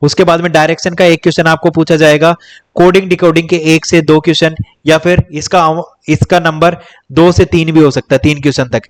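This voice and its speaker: A man's voice: fairly high pitch, steady tone, a little fast. A young man teaching exam topics in a casual lecture, repeating points and calling viewers "bhai" as he lists and counts. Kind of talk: casual Hindi-English exam coaching lecture.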